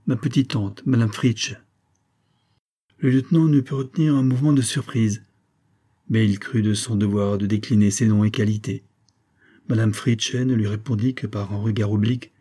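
Brief: low, dark-toned male narrator, husky, measured audiobook storytelling. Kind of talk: scripted narration of a classic short story.

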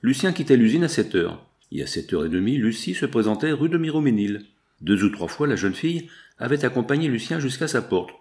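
Brief: male audiobook narrator, mid pitch, measured and dramatic literary reading. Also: sing-song, a little mellow.

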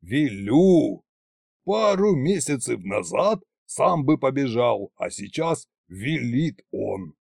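Man voicing a sly gravelly old deathless king, slow and husky, audiobook. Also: mid-range voice, big pitch swings, darkish tone, no room sound, studio quality, heavily acted. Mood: mocking. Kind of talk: audiobook character voice.

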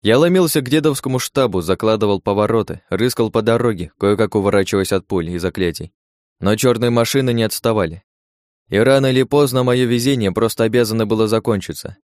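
A man reading a first-person story as an audiobook narrator, in a steady, measured way. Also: on the low side, no echo, studio quality.

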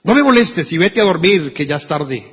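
Man playing a tired irritable father, curt, brusque, husky, dull recording. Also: on the high side, big pitch swings, normal speed, fairly bright tone, heavily acted. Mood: irritated. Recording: dull echoey church recording.

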